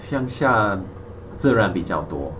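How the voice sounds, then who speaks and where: A man's voice: fairly low pitch, very animated, slow. A man who is a native English speaker, talking hesitantly in learner's Mandarin with a foreign accent in a casual language-exchange chat. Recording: distant microphone, clearly noisy background.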